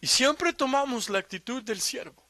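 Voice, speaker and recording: High, bright-voiced man preaching. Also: animated, normal speed, no room sound. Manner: reads scripture aloud, then explains it with emphatic asides. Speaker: pastor. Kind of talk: sermon.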